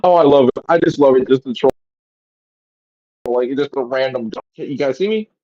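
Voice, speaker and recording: A man's voice: medium pitch, moderate pace, mellow, no room sound. A man joining a casual chat over an online voice call, his mic cutting in and out, talking in an easygoing, hesitant way. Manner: easygoing, hesitant, with fillers and restarts. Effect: online voice call audio with a mic cutting in and out. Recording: dull lo-fi call audio.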